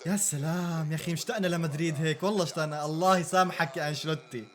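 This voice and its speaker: A young man with a notably high voice reacts live to a football match. He is excitable and breaks into loud shouts and laughter whenever a big play happens. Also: racing.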